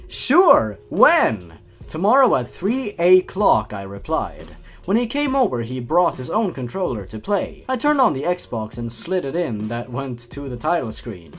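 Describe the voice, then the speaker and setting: A man hosting a comedic reading of a badly written horror story, breaking in with sarcastic, mocking asides. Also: mid-range voice. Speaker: YouTube host. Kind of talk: comedic creepypasta reading with commentary.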